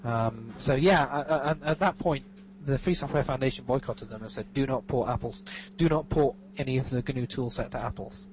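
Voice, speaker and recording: This is a guest in a relaxed interview, an English-born man based in California who joins remotely. His mid-range voice moves briskly with hardly a pause as he wanders off topic, pokes fun at himself and starts sentences over. Some hiss or hum makes the sound quality poor.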